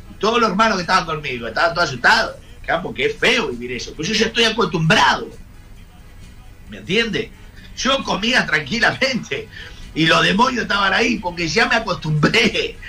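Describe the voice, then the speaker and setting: A middle-aged Argentine man, a pastor, preaching a sermon through animated storytelling, with sudden shouted exclamations. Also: on the high side. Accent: Argentine Spanish.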